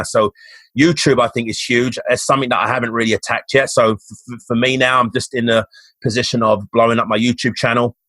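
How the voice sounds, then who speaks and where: A man's voice: medium pitch, fairly bright tone, slightly rough, dry recording. A man from London's East End with a Cockney accent, a fitness coach talking as a podcast guest in an upbeat, motivational way, often restarting his sentences. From East End of London, England. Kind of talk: casual interview talk.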